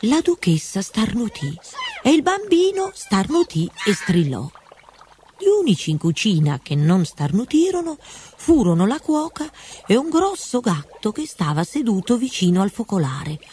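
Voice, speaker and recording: A woman reading a fairy tale aloud with slow, expressive storybook narration. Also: fairly high pitch, husky.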